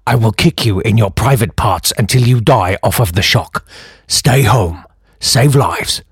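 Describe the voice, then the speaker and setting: Comedy spoof: a man as a threatening government announcer in a disguised deep voice, low and husky. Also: a little slow, dry recording, clean studio sound. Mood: menacing. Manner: disguised deep voice, put on to sound as scary as possible.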